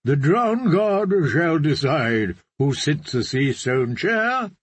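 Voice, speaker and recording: In a heavily acted turn, a man voices a stern sea-god prophet full of zeal, preaching with a solemn, measured, heavy cadence. The slightly raised, husky-edged voice swings widely in pitch as he calls out, and the sound is close and dry with no room reverb.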